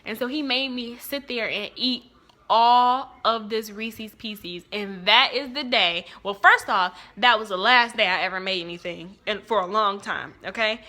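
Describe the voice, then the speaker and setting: A woman's voice: mid-range voice, a little slow, sharp tone. A young woman in her twenties, a cooking show host, telling a childhood story in a casual, chatty way full of fillers. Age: 20s.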